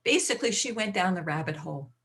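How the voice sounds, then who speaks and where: A woman hosting a live online interview, briskly introducing her guest and taking questions from the chat. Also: on the low side, expressive, fairly bright tone. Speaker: host, interviewer. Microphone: video call.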